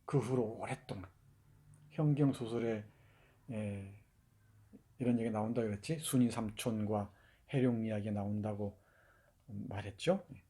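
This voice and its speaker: A man's voice: lowish voice, unhurried, long pauses, dark tone, husky. A man giving a university literature lecture, explaining and demonstrating dialect pronunciations, with frequent fillers and restarts.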